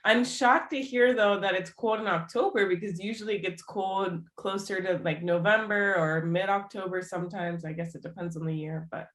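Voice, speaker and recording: A woman's voice: mid-range voice, steady tone, normal speed, hardly any pauses, a bit bright. A woman co-hosting a podcast in casual chat, agreeable and chatty, often answering with short yeahs. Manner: agreeable, chatty, backchannels a lot. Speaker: podcast co-host. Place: room in the United States. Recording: roomy echo.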